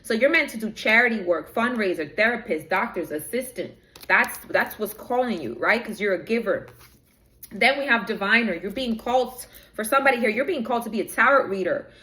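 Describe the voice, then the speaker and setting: With a slightly high, pushed and bright voice, lively intonation and a somewhat fast pace, a woman gives a spiritual reading to camera. She preaches at her viewers, rambles, and loses her place in her notes mid-talk.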